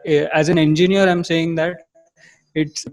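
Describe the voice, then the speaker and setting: A man speaking as a guest on a remote call whose audio keeps breaking up, talking haltingly with many fillers and restarts. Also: on the high side, little pitch movement, no echo. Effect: breaking, glitchy online call audio. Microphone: remote video call with weak reception.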